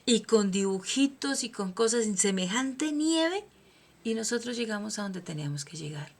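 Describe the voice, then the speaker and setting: A Colombian woman with a Colombian accent serves as host of a personal motivational monologue, preaching emphatically and alternating soft asides with loud declarations. She speaks at medium pitch and normal speed, animated, with a creaky voice.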